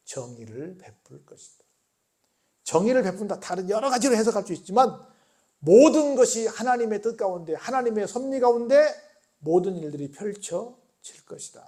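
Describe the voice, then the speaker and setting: Man, pastor, high voice, church sermon, rhetorical questions, hushed lines then loud exclamations. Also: sing-song, normal speed. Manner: asks the congregation frequent rhetorical questions; shifts between soft lowered tones and raised exclaiming.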